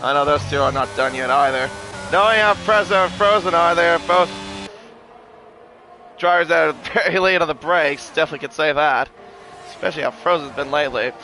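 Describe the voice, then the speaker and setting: A high-pitched man works as a motorsport commentator, calling a race live. His delivery gets excitable on the action and turns chatty between moves. Clear engine noise sits behind his voice. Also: fairly quick. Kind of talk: live sim racing play-by-play commentary.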